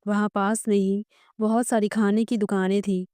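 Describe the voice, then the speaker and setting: Female storyteller for a recap channel, warm and smooth, dry close sound. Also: medium pitch, little pitch movement, normal speed, no echo. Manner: reads all characters' lines in near her own voice. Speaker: story explainer narrator. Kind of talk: dramatic story recap narration.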